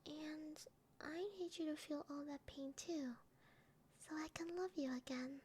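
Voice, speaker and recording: A woman voicing a sweet, eerily obsessive, sadistic young lover in a breathy, girlish ASMR role-play. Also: sits high, steady tone, measured pace, a little mellow, slight background noise. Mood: tender menace.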